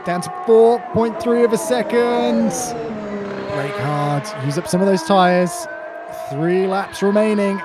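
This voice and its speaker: A man giving excited, urgent live play-by-play commentary on a sim race in short, clipped phrases. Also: sits high, slow pace, loud music behind the voice.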